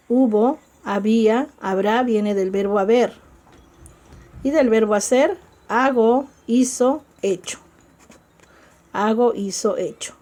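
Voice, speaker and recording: A woman's voice: fairly high pitch, warm tone. A woman teaching a spelling lesson, spelling out letters, repeating examples and checking in with her listeners.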